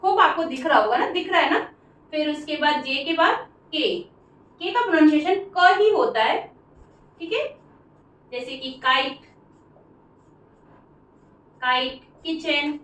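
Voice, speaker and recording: A woman with an Indian accent teaching English pronunciation, saying each word slowly and repeating it for the class. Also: high-pitched, expressive, fairly bright tone. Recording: echoey room, voice from far off.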